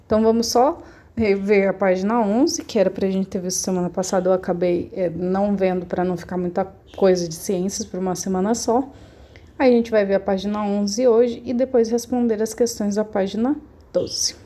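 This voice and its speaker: A woman's voice: mid-range voice, steady tone, normal speed, dark tone. A woman teaching a remote class, explaining patiently and often checking that her students follow.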